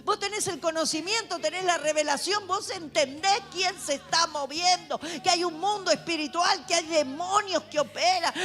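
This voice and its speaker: A woman preaching a fervent sermon in church, building to shouted exhortations. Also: extremely high pitch. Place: church sanctuary.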